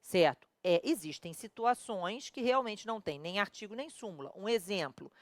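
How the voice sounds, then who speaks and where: A woman's voice: medium pitch, lively intonation, normal speed, no room sound. A woman with a Brazilian accent teaching a law exam prep video lesson, colloquial and full of rhetorical questions to her students. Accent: Brazilian Portuguese. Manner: addresses viewers directly and familiarly.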